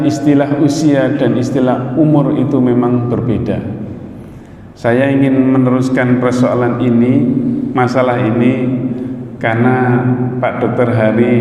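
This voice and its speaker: A middle-aged Indonesian man preaching a dawn sermon in a mosque, chanting an Arabic opening and then explaining calmly to the congregation. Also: mid-range voice, slight background noise. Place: mosque hall. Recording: echoey mosque hall, distant and dull mic.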